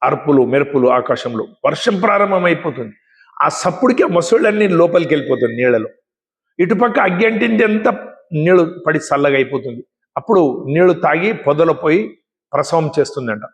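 A man's voice: a little high, lively intonation, fairly quick. A man giving a dramatic, exhortative moral-story speech to young people, with lots of repetition. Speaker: motivational speaker. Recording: echoey hall with long reverb.

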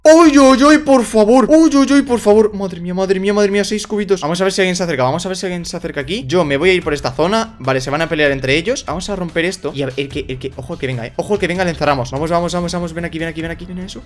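Young gamer, excitable and fast, for gameplay commentary over quiet music. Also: male voice, on the high side. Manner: excitable, shouts and repeats himself. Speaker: gaming YouTuber.

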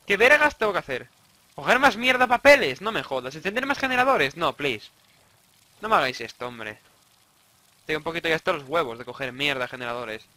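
A young gaming YouTuber from Spain, with a Spanish accent, commentates a horror game as he plays, swearing heavily and jumping between jokes and startled outbursts. His voice is a little high, sing-song and sharp, and he talks a little fast.

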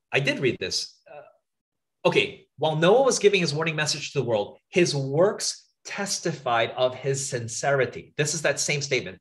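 A man delivering a sermon at an outdoor camp meeting, his voice sitting a little high with lively, swinging pitch. He is earnest, stresses points by repeating them and keeps asking listeners to stop and think. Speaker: preacher.

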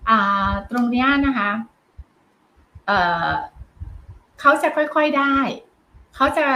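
A woman teaching parents how to help their children speak, in a gentle, encouraging way that ends her phrases with polite particles. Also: fairly high pitch, a little hiss or hum, poor audio. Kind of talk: parenting advice lesson.

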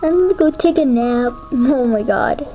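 A woman giving excited gameplay commentary, gasping and exclaiming often. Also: on the high side, normal speed, soft background music. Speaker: gamer.

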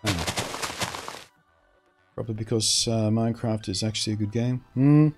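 A man's voice: lowish voice, steady tone, normal speed, music in the background. A man chatting casually on a live stream, answering chat in an opinionated, rambling way, often trailing off and restarting his sentences.

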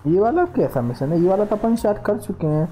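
An excitable man commentates a video game live, bantering with his chat and now and then shouting at what happens on screen. His voice is mellow, with faint background noise. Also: high-pitched, fast. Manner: chatty with viewers. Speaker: gaming streamer. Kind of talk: casual live gameplay commentary.

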